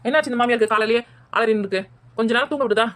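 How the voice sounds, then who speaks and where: A defiant young daughter-in-law, played by a woman in a homemade village skit. She argues back at breakneck speed in a slightly high voice. She is cheeky and never lets a jab go. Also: a bit bright, close to an everyday voice. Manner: argumentative, talks back fast. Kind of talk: village family comedy skit.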